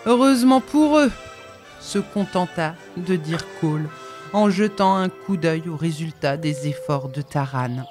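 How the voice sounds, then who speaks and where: A woman narrating an audiobook in an expressive, measured storytelling manner. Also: sits low, soft background music.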